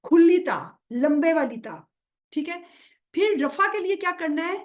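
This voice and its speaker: A woman with an extremely high-pitched, animated voice teaches Quranic grammar in an online lesson. She patiently checks that students understand and drawls example words slowly to show their pronunciation.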